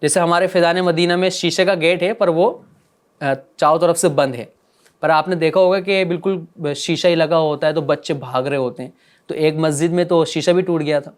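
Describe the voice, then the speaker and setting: A man teaching a religious lesson to children, gently coaxing them with repeated questions. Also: sits high.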